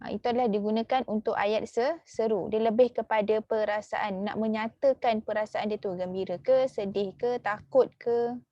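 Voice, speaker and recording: A woman with a Malaysian Malay accent teaching a lesson, filling her talk with "okey" and "ha" and repeating key words slowly. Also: mid-range voice, steady tone, warm tone, no room sound, muffled recording. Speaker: religious school teacher. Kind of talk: online class lesson.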